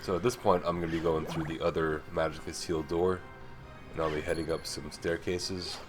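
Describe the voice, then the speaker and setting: Very deep-voiced man over game music. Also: a little fast. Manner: relaxed, rambling, swears casually. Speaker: host playing the game. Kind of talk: casual gameplay commentary.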